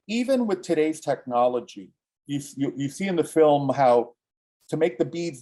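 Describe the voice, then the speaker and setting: A man from Cuba, a filmmaker answering interview questions in an earnest, halting way with many restarts. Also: on the high side, mellow.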